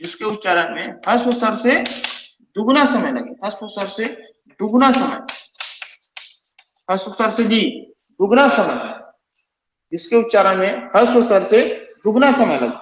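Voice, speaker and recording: A man with a fairly high voice teaches a classroom grammar lesson, repeating each rule several times and putting questions to his students. The classroom echoes around him. The recording has a dull, muffled sound. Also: expressive, measured pace, pauses often, a bit bright, a little hiss or hum. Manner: repeats phrases and quizzes students. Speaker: Hindi teacher. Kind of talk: classroom lecture. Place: classroom with lights off.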